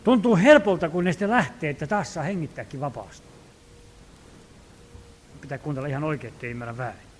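A pastor with a notably high voice preaches a sermon earnestly, swelling into loud calls and then sinking into quiet, hushed asides. He acts out the prayers and commands he quotes, with long pauses and slight background noise.

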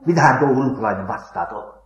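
A man's voice: medium pitch, animated, reverberant, lo-fi sound. An older man, a missionary preacher, telling a dramatic testimony with hesitant fillers. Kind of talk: storytelling testimony.

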